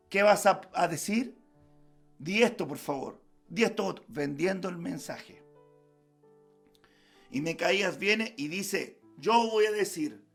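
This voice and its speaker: A man with a Chilean accent preaching a fervent sermon as pastor, swinging between shouted peaks and hushed, intimate passages. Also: sits high. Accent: Chilean Spanish.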